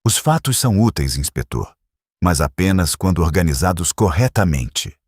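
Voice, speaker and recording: A man doing a calm, precise old detective. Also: sits low, slightly rough, no room sound, studio quality, heavily acted. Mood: reasoning. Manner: measured, gently probing. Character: shrewd elderly male detective, calm and precise. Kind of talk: audiobook character reading.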